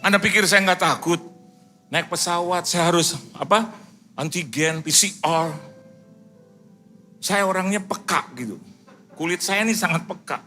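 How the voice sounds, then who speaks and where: A middle-aged Indonesian man preaching a sermon, animated, acting out dialogue in lively quoted voices. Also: high-pitched, measured pace, pauses often, faint music behind. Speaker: pastor. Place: church service.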